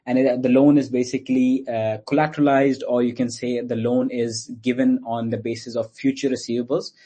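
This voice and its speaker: A man's voice: medium pitch, little pitch movement, fairly quick, mellow, husky. A man from Pakistan, a guest in an online interview, explaining things patiently with many fillers. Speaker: guest explaining his company. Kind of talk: interview answers.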